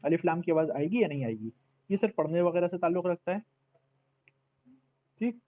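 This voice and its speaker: A man's voice: high voice, animated, dark tone. A man teaching Arabic letters in an online lesson, patiently repeating words and checking that his students follow.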